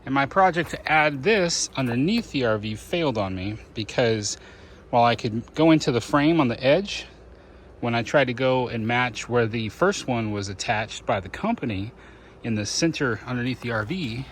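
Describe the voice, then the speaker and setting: A man's voice: medium pitch, animated, moderate pace. Casual man vlogging, with some background noise. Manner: informal, self-narrating, thinking aloud. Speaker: RV living vlogger. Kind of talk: casual first-person vlog chat while doing chores.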